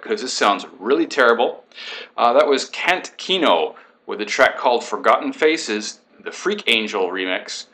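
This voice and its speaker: A man in his forties presenting a radio show, his voice hollow with a cave-like echo from a makeshift mic, briskly reading off track names. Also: mid-range voice, pushed and bright. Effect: hollow cave-like echo from a poor mic setup.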